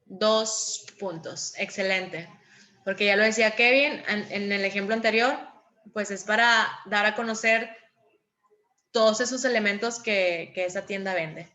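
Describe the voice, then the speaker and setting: Bright-voiced encouraging woman teacher. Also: mid-range voice, unhurried. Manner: encouraging, patient, reads examples with marked intonation. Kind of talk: online class lesson.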